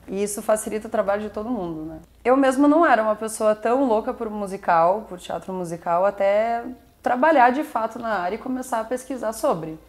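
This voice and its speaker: A woman's voice: medium pitch, fairly quick. A young Brazilian woman, a musical theatre performer, chatting casually as an interview guest and often ending her points with little tag questions. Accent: Brazilian Portuguese.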